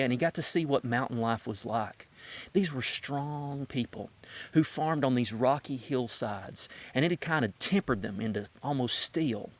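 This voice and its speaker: Man with a Southern Appalachian accent, folksy storyteller. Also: medium pitch. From Madison County, North Carolina mountains, United States. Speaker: storyteller introducing a performer. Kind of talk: prepared introduction speech, storytelling.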